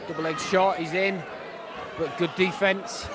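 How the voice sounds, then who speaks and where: High-pitched man reacting to a fight, crowd roaring. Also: fairly even intonation, measured pace, background noise. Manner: short exclamatory phrases. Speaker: fight co-commentator. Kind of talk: reactive live MMA commentary. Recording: loud music and crowd behind voice. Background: loud music and crowd.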